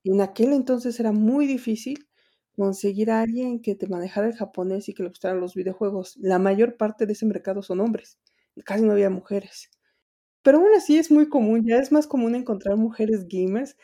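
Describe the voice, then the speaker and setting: As an interview guest, this interpreter and translator, a middle-aged woman from Mexico with a Mexican Spanish accent, gives rambling answers packed with fillers and restarts. Her voice has a medium pitch and a dark tone, and she speaks at normal speed.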